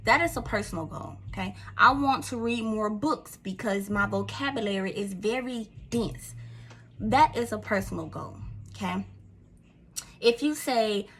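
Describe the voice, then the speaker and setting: A woman's voice: medium pitch, unhurried, fairly bright tone. A woman with a Mississippi country accent giving casual life advice to camera, informal and slangy, often checking in with "okay?" and calling the viewer friend. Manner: chatty, tags lines with "okay?" and addresses viewer as friend.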